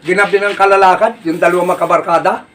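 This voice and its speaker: High-voiced folksy man telling jokes. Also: fairly even intonation, fast. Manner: folksy storyteller, laughs at own jokes, shouts punchlines. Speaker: comedy joke teller. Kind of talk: casual joke telling. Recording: distant mic with faint noise.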